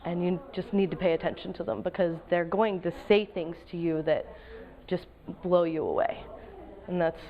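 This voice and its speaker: American woman, slightly low register, conversational and reflective interviewee, halting delivery, muffled lo-fi audio. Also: fairly even intonation. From Pennsylvania, United States. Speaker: professional photographer and project advisor. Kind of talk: informal interview answers.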